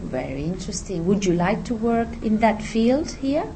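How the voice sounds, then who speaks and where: Mellow woman asking short questions. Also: mid-range voice, very animated, normal speed, a little hiss or hum. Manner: asks short, encouraging questions. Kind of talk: classroom interviewing.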